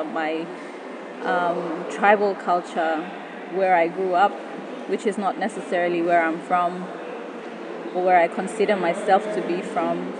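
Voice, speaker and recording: A woman's voice: on the low side, noisy background. A woman giving spoken-word poetry and personal reflection. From Papua New Guinea.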